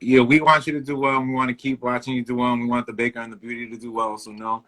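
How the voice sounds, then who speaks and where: A man's voice: mid-range voice, level tone, rapid-fire, fairly bright tone. A man hosting a casual interview, playful and slangy with a hyped manner. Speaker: interviewer host.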